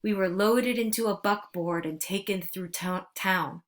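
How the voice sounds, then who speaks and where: Woman narrator for a storybook read-aloud, steady and earnest in her delivery. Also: medium pitch, unhurried.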